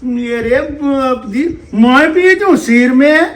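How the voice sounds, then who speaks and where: A man's voice: extremely high pitch, slow, noisy background. A man with a Punjabi accent playing a bossy, scolding old mother-in-law in a village comedy skit. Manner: scolding, sharp-tongued, cursing. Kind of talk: rural comedy skit acting.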